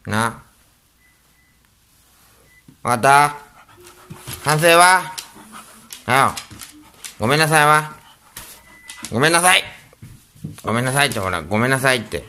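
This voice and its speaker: A middle-aged man with a Kansai accent, talking to and scolding his pet dog in a casual, drawn-out way. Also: medium pitch, lively intonation, slight background noise. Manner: slow, drawn-out scolding of a pet, half soft, half raised. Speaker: dog owner.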